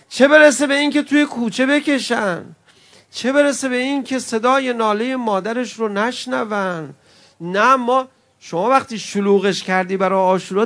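High-voiced man preaching an impassioned sermon. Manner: swings between loud impassioned cries and soft, intimate address to the audience; chummy, calls listeners friends. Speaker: preacher at a mourning gathering. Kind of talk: emotional religious sermon.

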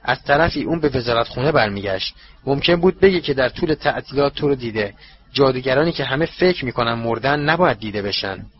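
A man voicing a cruel, ruthless dark master who speaks in a cold, contemptuous, husky voice. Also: medium pitch, highs cut off, lightly acted. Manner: cold, slow and menacing, contemptuous. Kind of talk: audiobook character voice.

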